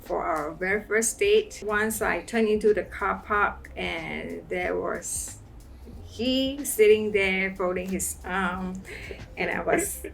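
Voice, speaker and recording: A woman's voice: medium pitch, takes it slowly, vocal fry, slight background noise. A woman in her forties playfully recounting a story in an interview. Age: 40s.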